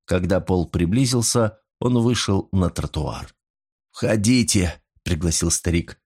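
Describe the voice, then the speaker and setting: A man narrating an audiobook in an even, measured way. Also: sits low, breathy edge.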